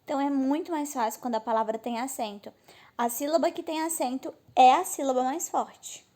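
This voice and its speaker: A woman's voice: high-pitched, brisk, darkish tone. A woman teacher with a Brazilian Portuguese accent explaining a lesson to children, friendly and often checking in with her pupils. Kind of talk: online class explanation to children.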